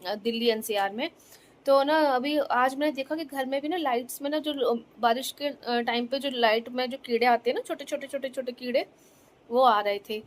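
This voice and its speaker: A young mother chats casually into her phone's front camera at home, teasing playfully about her toddler. Her voice sits a little high. A faint hum of the room runs under her talk. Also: normal speed. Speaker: vlogger. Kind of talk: casual home vlog narration. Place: home bedroom.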